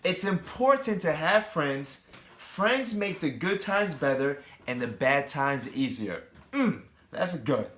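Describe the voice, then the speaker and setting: With a fairly high, fairly bright voice and an animated, slow delivery, a male teacher reads a picture book to small children. He talks straight to them, adding chatty asides and questions, and there's slight background noise.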